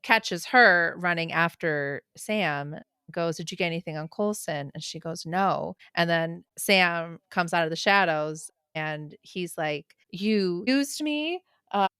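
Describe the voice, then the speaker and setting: A woman's voice: on the low side, a little slow, few pauses, pushed and bright, clear, resonant tone, no room sound, clean studio sound. A woman in her thirties co-hosting a podcast, talking earnestly and bluntly about a movie. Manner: earnest, blunt, occasional swearing. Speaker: podcast co-host. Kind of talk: casual movie recap chat.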